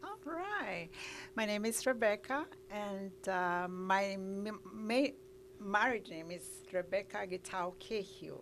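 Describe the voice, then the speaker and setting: A woman's voice: mid-range voice, animated, slow pace, slight background noise. A middle-aged woman with a Kenyan accent, telling her life story as an interview guest in an earnest way. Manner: earnest storytelling, with frequent uhs.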